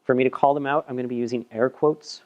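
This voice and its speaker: A man's voice: mid-range voice, fairly even intonation, fast talker, a little mellow, lo-fi sound. A man giving a casual, chatty technical talk at a meetup, presenting a paper with self-deprecating asides and frequent repeated words. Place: meetup room.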